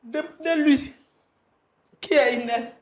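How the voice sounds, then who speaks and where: A woman's voice: high-pitched, slow pace, reverberant. A woman on a talk show confronting her husband, repeating her accusations insistently.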